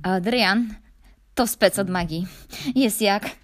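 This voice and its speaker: A woman voicing a curious, excitable young girl who exclaims and wonders aloud. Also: mid-range voice, slow pace, soft background music, natural voice. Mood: lively.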